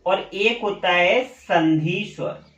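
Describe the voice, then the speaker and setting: A male teacher giving a classroom lesson, asking questions and answering them himself, and repeating key terms slowly. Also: sits high, a bit bright, faint music behind. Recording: echoey room, dull lo-fi sound.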